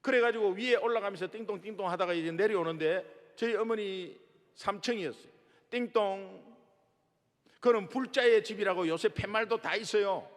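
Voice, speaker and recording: A middle-aged male pastor with a Gyeongsang accent, preaching a revival sermon as an animated storyteller who acts out dialogue with humor. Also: high voice, normal speed. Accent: Gyeongsang Korean. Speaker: guest pastor. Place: large church sanctuary. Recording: long reverb of a big sanctuary.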